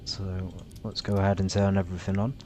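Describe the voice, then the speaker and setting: A man with a fairly low voice plays pilot in a flight simulator. He talks to himself casually and haltingly, slipping into radio phraseology. A faint rumble sits behind the voice. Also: little pitch movement, a little mellow. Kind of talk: casual self-narrated gameplay with radio calls. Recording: rumbly background noise.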